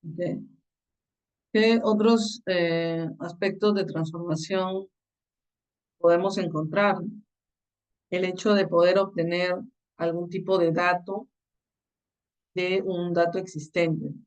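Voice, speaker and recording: A course instructor lectures over slides, explaining step by step and often checking in with a quick tag question. The voice is medium-pitched with fairly even intonation, and the low-quality recording is made from a distance.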